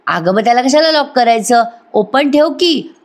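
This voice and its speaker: Trusting young husband, coaxing and soft-spoken, played by a female narrator. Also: sits high, lively intonation, moderate pace, voice pushed up. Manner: soothing, coaxing. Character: gullible young husband, soothing.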